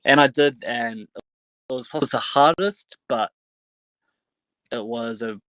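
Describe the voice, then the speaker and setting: Male wrestler as interview guest: unhurried, broken phrasing, mid pitch, dry close sound, informal. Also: fairly bright tone, no echo, rough recording. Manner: halting, fragmented phrasing, some casual swearing. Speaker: professional wrestler being interviewed. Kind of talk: casual interview answers.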